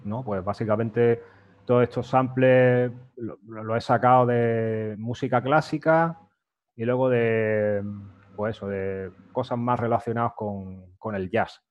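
A man's voice: mid-range voice, fairly even intonation, measured pace, lo-fi sound. Casual Spanish man explaining his music setup. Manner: explains step by step with frequent fillers and restarts. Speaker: guest music producer. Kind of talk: casual demo walkthrough.

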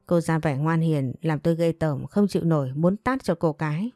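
A woman's voice: low-pitched, moderate pace, warm tone, dry recording, clean studio sound, soft background music, natural voice. A woman voicing a cruel, arrogant young husband who speaks with spite and contempt, in a read-aloud story. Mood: contemptuous.

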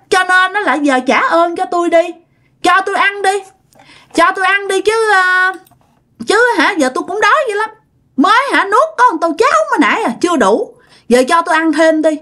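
A woman doing a shrill, ravenous possessing spirit. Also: fairly bright tone. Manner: demanding, boastful, shrill and pushy. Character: ravenous spirit speaking through a grown man.

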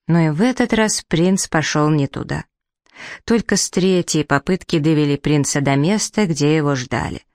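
A woman narrating a fairy tale in a lively, expressive storytelling voice. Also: sits low, moderate pace, no echo, clean studio sound. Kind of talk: audiobook narration.

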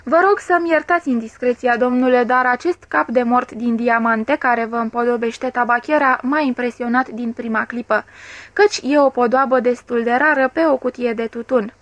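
A woman's voice: a little high, no echo, dull audio, close to an everyday voice. A woman reading a curious, polite young male poet who asks probing questions, in an audiobook. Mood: inquisitive. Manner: polite, inquisitive.

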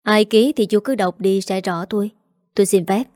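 A woman voicing a calm, formal male police officer delivering a summons. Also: high-pitched, normal speed, no echo, studio quality, natural voice. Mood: curt. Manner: formal and curt.

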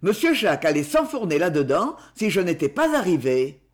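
A gruff, sly rough man with a blunt, familiar way of talking, as a male storyteller puts him on. The voice sits fairly high and swings widely, and the suspicion shows through in a storybook reading. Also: very animated, normal speed.

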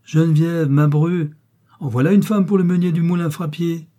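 A man reading an audiobook, voicing an angry, contemptuous peasant mother who scolds in loud outbursts. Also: medium pitch, steady tone, moderate pace, close to an everyday voice. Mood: scornful, furious. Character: angry scornful peasant mother, older woman.

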